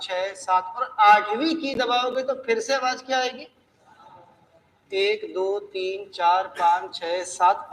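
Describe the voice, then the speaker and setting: A man's voice: extremely high pitch, a bit bright, in a large hall, slight background noise, rough recording. A man teaching a chemistry class, playful and full of questions for his students. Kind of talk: classroom lecture.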